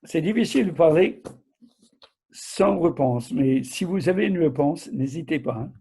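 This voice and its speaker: A man's voice: a little high, expressive, measured pace, gravelly, mellow, husky. An older man, sixties or above, with a mixed southern French and American accent, teaching the Bible informally in slightly broken, hesitant French, often correcting himself and checking in with listeners. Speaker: preacher.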